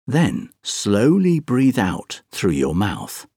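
A man with a fairly low, breathy voice leads a guided relaxation for sleep. He speaks softly and very slowly, leaving long pauses between gentle, soothing instructions. The recording is close and dry. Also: wildly swooping pitch, no room sound. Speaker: guided meditation narrator. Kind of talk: guided sleep relaxation meditation, scripted narration.

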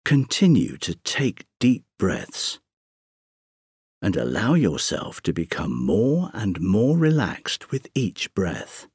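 A man with a low, gravelly, slightly husky voice guides a sleep meditation at an extremely slow pace, counting breaths with long pauses. His pitch rises and falls widely across each soothing phrase. The recording is close and dry. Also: wildly swooping pitch, a little mellow, no room sound.

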